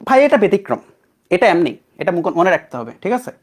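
Here a young man from Bangladesh runs an online physics lesson with a high, very animated voice and a quick delivery. He chats casually and checks in with the class again and again.

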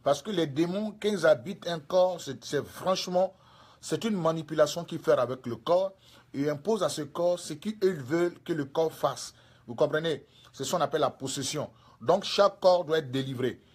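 A man's voice: a little high, moderate pace, a little mellow, husky. A male preacher with an Ivorian French accent, giving a sermon full of repetition and tag questions.

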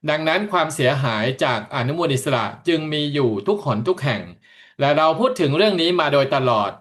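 Slightly high-voiced man interpreting. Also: brisk. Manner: steady, continuous rendering of the speaker's points. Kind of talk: consecutive interpreting.

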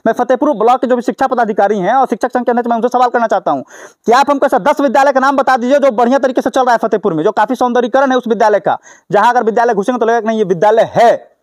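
A man's voice: very high-pitched, very fast, dry recording, clean studio sound. A man from Bihar reporting on the spot, questioning and lecturing a teacher outdoors at a village school. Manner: confronting and lecturing. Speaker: reporter and host. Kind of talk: on-the-spot news interview.

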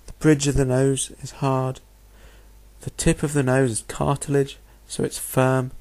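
Man, medium-pitched voice, medical lecturer, methodical, instructional, slide narration. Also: level tone, unhurried, darkish tone. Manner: clear, methodical, instructional, posing rhetorical questions.

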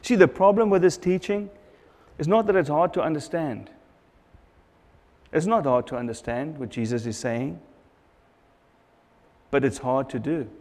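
A man's voice: on the high side, unhurried, long pauses, a little mellow, in a large hall. A middle-aged man preaching a sermon at a church pulpit, earnest and repeating phrases for emphasis, on a lapel mic. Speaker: pastor.

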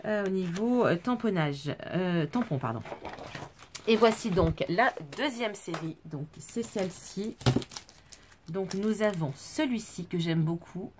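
A woman with a fairly low voice talks through a crafting haul at her table. She speaks casually, stalling often with fillers. A faint background noise runs under the recording. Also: animated, a little slow. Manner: chatty, hesitant, many fillers. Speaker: crafting vlogger.

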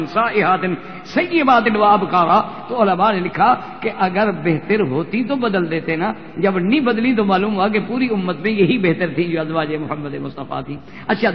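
Male preacher, high voice, sermon with slow chanted verses and lively storytelling; dull, echoey hall recording. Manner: chants Arabic verses slowly, retells stories animatedly. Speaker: religious preacher. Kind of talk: Urdu sermon with Quranic recitation.

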